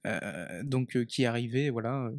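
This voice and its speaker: A man's voice: medium pitch, moderate pace, no room sound, clean studio sound. Young man chatting on radio, stumbling. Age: 20s. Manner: lively, stumbles and repeats words. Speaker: guest. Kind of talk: casual chat on radio.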